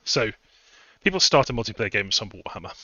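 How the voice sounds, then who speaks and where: A streamer and game modder with a lowish voice talks casually on a live stream, very animated and quick, his tone bright and forceful. He rambles through his points with lots of fillers and restarts, sounding a bit out of breath. The audio is dull with no echo.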